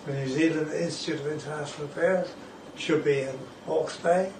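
An older man, introducing himself in an unhurried, halting way. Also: on the high side, fairly even intonation, creaky. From England. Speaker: guest. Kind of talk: casual self-introduction. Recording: echoey room, distant mic, noisy.

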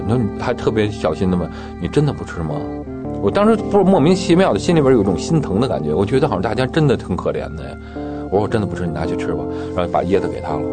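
A man telling his own story in casual talk, acting out the dialogue as he goes, with guitar music behind him. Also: on the low side.

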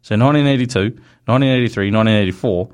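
A man's voice: fairly low pitch, very fast, clear, resonant tone. A man with a broad Kiwi accent hosting a casual motorsport chat in a blokey, slangy, mildly sweary way. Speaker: motorsport show host.

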